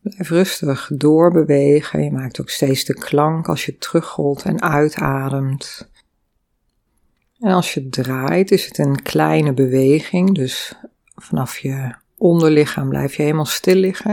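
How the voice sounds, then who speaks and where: A woman with a low voice talks slowly through a guided breathing and body exercise. She hums long, resonant vowel sounds between calm instructions. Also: vocal fry. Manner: calm, slow guiding with sung vowel sounds.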